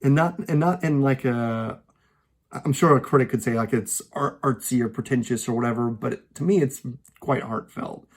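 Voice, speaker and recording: A man speaking at an ordinary pitch talks casually about his favorite films from home. He rambles and hesitates, often restarting his sentences. His voice sits in a middle register. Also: moderate pace. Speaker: host.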